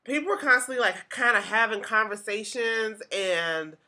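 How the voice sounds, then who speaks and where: A woman's voice: fairly high pitch, expressive, normal speed, bright, forceful tone. A woman hosting a podcast, talking through a TV episode in a chatty, casual way with lots of "like" and restarts. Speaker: podcast host.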